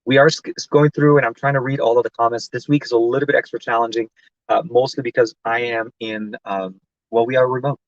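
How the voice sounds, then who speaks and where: A man's voice: mid-range voice, steady tone, fairly quick, no echo, highs cut off. A man from Lebanon hosting a casual tech live stream from inside a parked car, rambling and chatty with lots of fillers as he answers viewer comments.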